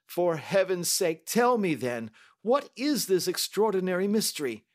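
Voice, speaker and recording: A man doing a grief-stricken old banker who talks in high, strained, pleading bursts and breaks into frantic questions. It is an audiobook-style reading with a light, somewhat high voice. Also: expressive, a little slow. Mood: desperate. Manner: pleading and overwrought. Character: distraught older male banker, grief-stricken, excitable.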